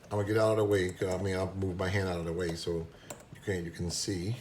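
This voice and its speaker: Low-voiced man filmed on a phone. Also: level tone, fast, darkish tone, a little hiss or hum. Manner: hesitant, many restarts and fillers. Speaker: product reviewer demonstrating a meter. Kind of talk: casual hands-on demonstration. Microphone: phone camera recording.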